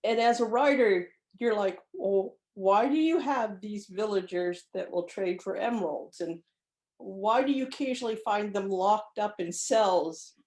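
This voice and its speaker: An author appears as an interview guest discussing her own short story, her medium-pitched voice a little slow and mellow. She chats casually and often acts out imagined lines of dialogue to explain herself. The room sounds echoey.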